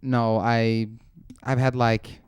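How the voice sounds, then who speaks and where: A man's voice: mid-range voice, flat delivery, slow, clean tone, no room sound. A young adult man from Norway, a touring singer and guest, chatting casually and laughing easily on a podcast.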